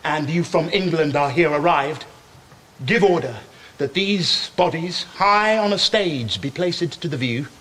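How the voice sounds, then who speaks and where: An actor playing a prince's loyal, grieving scholar friend, in solemn, measured classical Shakespearean verse. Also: male voice, fairly high pitch, a bit bright. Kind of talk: classical Shakespearean stage acting.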